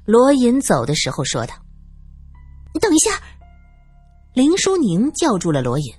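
Animated woman telling a serialized story. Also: medium pitch, normal speed, slightly rough, dry recording, faint music behind. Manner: animated, acts out each character's voice. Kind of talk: serialized audiobook narration.

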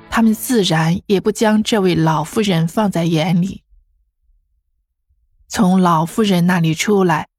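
Woman narrating a story, husky. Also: mid-range voice, no echo. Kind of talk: scripted narration.

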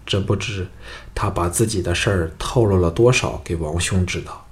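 A man narrating a historical novel as an audiobook, in a steady storytelling way. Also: sits low, moderate pace.

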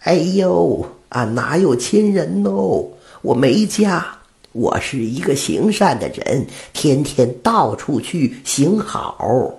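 Man putting on a shrill self-righteous old woman. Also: very animated, takes it slowly, vocal fry, a little mellow, heavily acted. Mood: whiny.

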